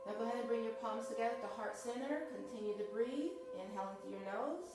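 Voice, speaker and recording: Loud music plays behind a yoga instructor as she talks a live class through poses and breathing, reverberant and fast. Her pitch is fairly high, she keeps saying okay in an encouraging, chatty way, and occasional sniffles come from her recent nose surgery.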